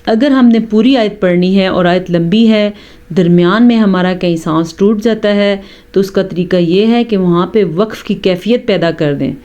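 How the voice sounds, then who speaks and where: A woman teaches tajweed in a smooth, clear voice of middle pitch. She explains each rule patiently and then chants the verses slowly, drawing out the vowels. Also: dark tone, highs cut off. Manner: explains rules slowly, then recites verses drawn out and melodic. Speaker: Quran recitation teacher. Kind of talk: tajweed lesson.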